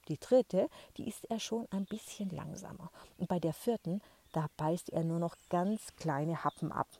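A woman reading a children's story aloud, in a gentle, lively storybook manner. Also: fairly low pitch, husky.

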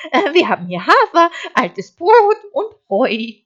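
A woman voicing a naive, excitable little sheep with a thin, high, piping voice for a storybook reading. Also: unhurried, highs cut off, full character voice. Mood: excited. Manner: eager and wide-eyed.

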